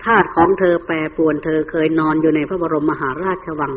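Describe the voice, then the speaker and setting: A man voicing a gentle royal male hermit who calmly reassures his wife. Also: on the high side, brisk, long reverb tail, lightly acted. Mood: soothing. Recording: tinny phone-like recording.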